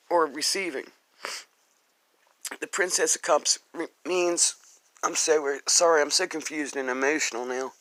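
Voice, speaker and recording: A man's voice: fairly high pitch, fairly bright tone, clear, resonant tone, dry recording. A congested man giving a rambling, hesitant tarot reading full of fillers and restarts. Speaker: tarot card reader.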